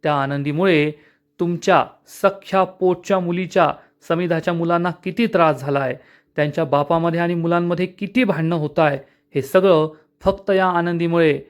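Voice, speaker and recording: A man's voice: a little high, fairly even intonation, normal speed, clean tone, natural voice. A man reading out the lines of a scheming, taunting woman from a TV serial, raising his voice for her. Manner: taunting, sneering. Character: scheming, mocking adult daughter of the house.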